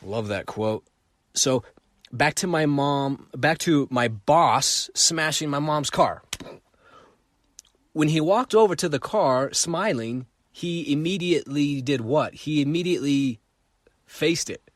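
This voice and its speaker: A middle-aged man hosting a solo podcast, telling a story in an animated way, acting out voices and repeating phrases. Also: fairly high pitch, slow, no echo, studio quality. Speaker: podcast host.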